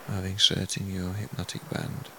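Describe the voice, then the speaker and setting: A man speaking as a hypnotherapist, leading a guided relaxation in a soothing, deliberate way with hushed phrase endings. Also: deep voice, completely flat delivery, noisy background.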